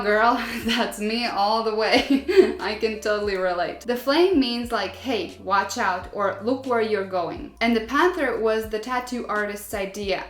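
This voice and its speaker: A young woman vlogger, not a native English speaker, reads out viewer stories in a casual chat, relating to them and laughing often. Her mid-range voice has a fairly bright tone, and the sound is reverberant.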